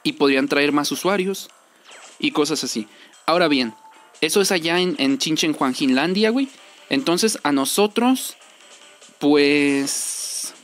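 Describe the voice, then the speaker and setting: A young Mexican man with a slightly high voice talks casually about a game. His speech is slangy and rambling, with repeated phrases for emphasis. Game music plays faintly behind him. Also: animated, unhurried. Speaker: gaming video creator. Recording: music under the voice.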